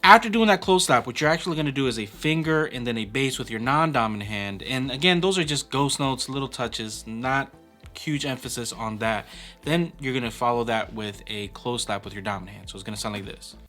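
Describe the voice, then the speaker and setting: A man casually teaching a hand-drum pattern, explaining it step by step in a relaxed way with fillers. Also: mid-range voice, brisk, soft background music. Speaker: percussion teacher.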